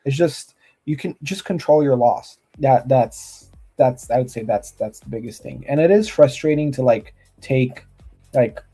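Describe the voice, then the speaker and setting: A man's voice: mid-range voice, unhurried, mellow, slightly rough, soft background music. A man from Romania, a guest trader, gives earnest motivational advice in casual chat over a video call, often restarting his sentences.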